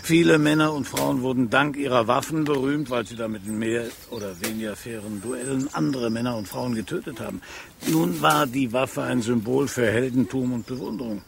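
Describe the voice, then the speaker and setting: A man's voice: medium pitch, normal speed, creaky, slight background noise, lightly acted. An actor playing Chisholm, a laconic Wild West man, in a radio play, speaking in a dry, ironic, lecturing way.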